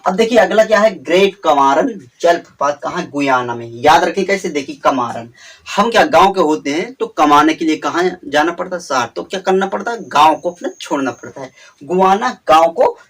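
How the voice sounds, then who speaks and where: Male teacher, slightly high, repetitive drilling delivery, a bit off-mic. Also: expressive, a bit bright, far from the mic. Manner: repetitive, drawn-out emphasis, frequent "theek hai". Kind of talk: exam memory-trick lesson.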